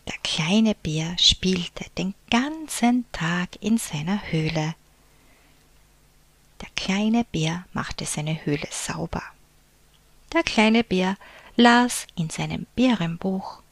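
A woman's voice: fairly low pitch, slow pace, no echo. Woman whispering a bedtime story. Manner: soft unvoiced whisper. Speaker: picture book reader.

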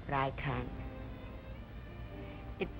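An actress playing a gentle, earnest young woman in wartime, speaking softly and earnestly in early talkie film sound. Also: very deep voice, flat delivery, extremely slow, heavily acted. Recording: dull 1930 film soundtrack, faint music.

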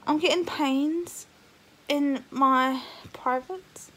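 A woman's voice: high-pitched, very slow, a bit bright. A pregnant woman, chatting casually to camera in a family vlog, hesitant and full of ums. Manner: rambling, hesitant, lots of ums. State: heavily pregnant, uncomfortable. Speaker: vlogger. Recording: faint background noise.

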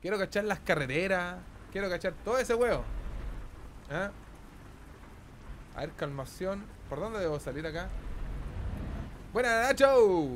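A man with a Chilean accent giving live gameplay commentary as a streamer, excitable, exclaiming and swearing casually. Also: high-pitched, normal speed, pauses often, a little hiss or hum.

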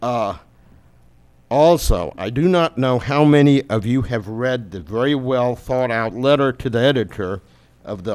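An older man reading a prepared public comment at a city council podium microphone in a measured way. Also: medium pitch, darkish tone.

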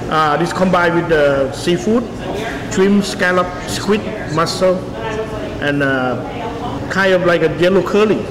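A man's voice: high voice, slow pace. A middle-aged man from Thailand, a chef and owner, explaining his dishes hesitantly with fillers. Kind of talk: casual interview answers. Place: restaurant kitchen and dining room. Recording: echoey restaurant with long reverb and crowd.

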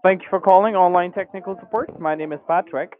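A man's voice: high voice, fast, slight background noise. A man working as a call center tech support agent, formal and polite, speaking over a phone line. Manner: formal, polite, addresses caller as sir. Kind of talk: scripted phone customer service, Indian call center manner. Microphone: telephone call. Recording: muffled narrow phone line.

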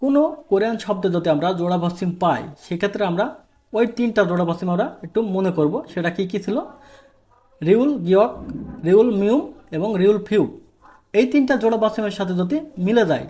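A Bangladeshi man with a high voice and dark tone teaches a language lesson at a quick pace. He asks questions and answers them himself, repeating the key points as he explains.

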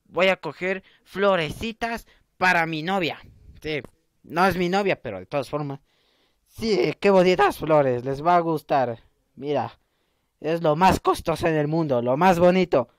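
A man's voice: on the high side, a little slow, no echo, studio quality. A young man narrating a comedic game video in a goofy way, swearing and joking. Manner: goofy, swears and yelps for laughs. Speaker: gaming video creator.

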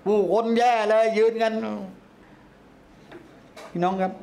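High-voiced man giving a lively religious lecture. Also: takes it slowly. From Thailand. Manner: lively, calling out chanted phrases loudly. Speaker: Islamic religious teacher.

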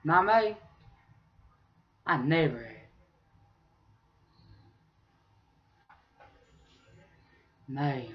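Casting: young man as opinionated backwoods redneck vlogger, high-pitched rural drawl, rambling casually, dull lo-fi webcam sound. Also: animated, takes it slowly. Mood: grumbling. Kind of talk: casual vlog rambling in character. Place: small bedroom, indoors. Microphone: webcam or laptop mic at arm's length.

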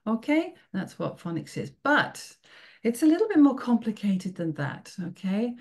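A middle-aged British woman from the United Kingdom runs an online teacher workshop over a video call. Her voice is on the high side and sing-song, with a darkish tone and a normal speed. She's friendly and encouraging, checking in often with "okay?"

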